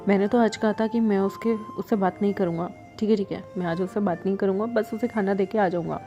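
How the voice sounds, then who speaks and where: A woman's voice: mid-range voice, steady tone, a little fast, mellow, highs cut off, soft background music, close to an everyday voice. A woman voicing a sulky jealous young man. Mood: grumbling.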